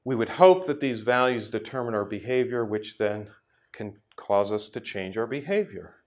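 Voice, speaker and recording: A man giving a reflective workshop lecture, speaking thoughtfully with frequent pauses and restarts. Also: on the low side, lively intonation. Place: workshop room.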